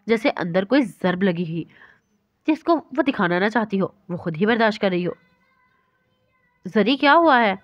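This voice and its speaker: A woman reading a romance novel aloud in steady, even storytelling, in a dry, slightly dull recording. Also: mid-range voice, no room sound. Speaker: novel reader. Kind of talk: scripted narration of a romance novel.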